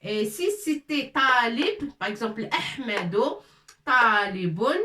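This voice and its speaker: Slow, bright-voiced woman teaching a class. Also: a little high, expressive, slight background noise. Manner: slow, repetitive, drills words aloud. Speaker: Arabic teacher. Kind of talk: classroom grammar lesson. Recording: echoey room, voice from far off.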